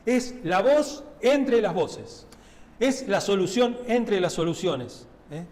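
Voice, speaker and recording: High-voiced Rioplatense pastor in reverberant church. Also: male voice, expressive, slow, darkish tone. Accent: Rioplatense Spanish. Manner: conversational preaching with frequent tag questions. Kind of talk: sermon. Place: church sanctuary.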